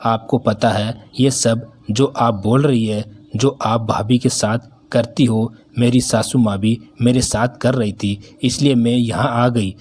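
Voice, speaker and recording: A man's voice: mid-range voice, fairly even intonation, slow, hardly any pauses, darkish tone, a little hiss or hum, lightly acted. A man voicing a bold young married daughter who reproaches her mother in a storybook. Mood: reproachful. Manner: reproachful, outspoken.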